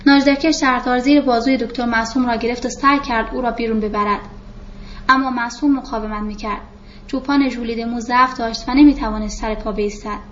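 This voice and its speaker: Woman with a high voice reading a novel out loud, audiobook style, does the characters in her own voice, kinda muffled recording with a faint hiss. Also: steady tone. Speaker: audiobook narrator. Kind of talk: scripted narration of a novel.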